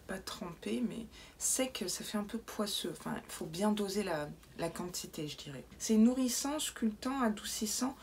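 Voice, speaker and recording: A woman's voice: medium pitch, a little mellow, slight background noise. A young woman vlogger chatting wryly through a beauty box unboxing, now and then dropping into whispered asides. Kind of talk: casual unboxing commentary.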